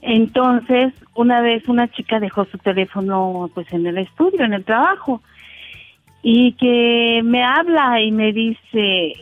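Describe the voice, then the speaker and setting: A woman's voice: a little high, slow, dry recording, faint music behind. Lady calling radio, jokey, laughs a lot, muffled phone line. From Puebla, Mexico. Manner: jokey, laughs through her words. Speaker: caller, nail technician. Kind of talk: joking call-in radio chat.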